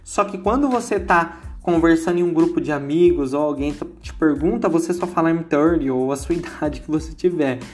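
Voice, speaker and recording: A man's voice: a little high, a little fast, few pauses, a little mellow, faint music behind. A man with a Brazilian accent giving a casual English lesson, chatty and repeating words aloud to show how they sound. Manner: chatty, repeats words to demonstrate pronunciation, asks "entendeu?". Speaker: English teacher.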